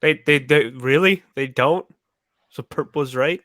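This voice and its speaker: A man's voice: a little high, a little slow, fairly bright tone. A man on a stream panel making sarcastic, mocking remarks in casual chat.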